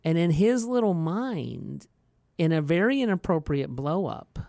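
A middle-aged man co-hosting a podcast, chatting casually and telling animated stories with frequent restarts. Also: a little high, unhurried, vocal fry, no echo, clean studio sound. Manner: animated storyteller who acts out quoted voices; frequent restarts and filler words. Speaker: podcast co-host.

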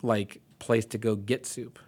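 A man's voice: fairly low pitch, level tone, unhurried, a little mellow, husky. A man hosting a faith podcast, interviewing a guest in an encouraging, affirming way. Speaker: podcast host.

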